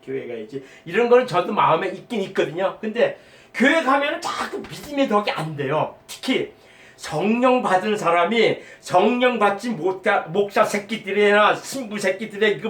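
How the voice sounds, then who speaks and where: Middle-aged guy preaching his testimony, high voice, kinda far from the mic, echoey room. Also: sharp tone. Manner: earnest, rambling, emphatic, with quoted prayers. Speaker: lay preacher giving testimony. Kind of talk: spoken testimony sermon.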